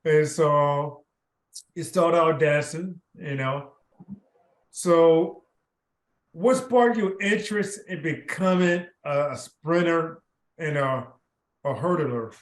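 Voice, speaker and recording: A man's voice: fairly high pitch, takes it slowly, pauses often. A man hosting a casual interview, talking in a loose, rambling way with constant filler affirmations. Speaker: podcast host. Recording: roomy video call audio.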